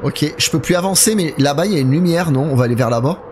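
A man's voice: fairly high pitch, animated, fast talker, darkish tone, a little hiss or hum. A man giving live commentary while he plays a horror game, chatty and talking straight to his viewers, reacting aloud to the scares. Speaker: horror game let's player.

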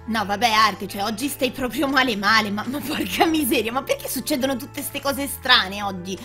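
Excitable woman commenting her gameplay. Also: a little high, normal speed. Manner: animated, excitable, exclamatory. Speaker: gaming channel host. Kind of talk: casual let's-play commentary. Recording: faint background music.

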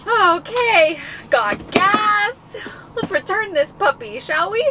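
A young woman vlogging to a handheld camera, chatty and excitable, talking in a car and outdoors. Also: extremely high pitch, slow pace, noisy background. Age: young adult. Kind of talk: casual vlog chat. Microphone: handheld camera at arm's length.

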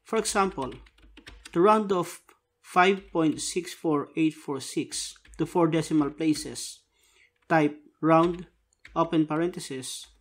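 Guy w slightly high voice doing a software tutorial, dictating each key and symbol bit by bit. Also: slow. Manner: dictating step by step, spelling out keys and symbols in short separate phrases. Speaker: tutorial narrator. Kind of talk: scripted instructional narration.

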